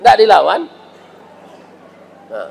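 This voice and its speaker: A man's voice: sits high, huge pitch swings, slow pace, vocal fry, a little mellow, husky, rough recording. A man preaching a humorous sermon with a Minangkabau accent, joking and telling stories with asides to the audience.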